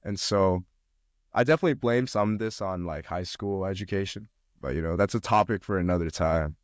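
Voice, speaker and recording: This young adult from China, guesting on a podcast, talks casually about his college days, full of fillers and restarts. His voice sits low and moves a little fast, with clean studio sound and no room sound.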